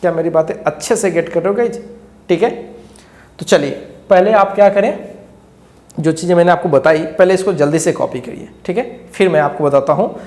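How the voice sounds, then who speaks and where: A man's voice: high voice, brisk, darkish tone. A male teacher giving a lecture who keeps quizzing his students with rhetorical questions and repeats key phrases as he explains. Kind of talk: classroom lecture. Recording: echoey room.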